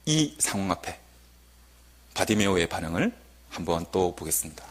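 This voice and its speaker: A young man preaching a sermon as a junior pastor in a church, swinging from loud proclamation to hushed asides. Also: sits low, sing-song, normal speed.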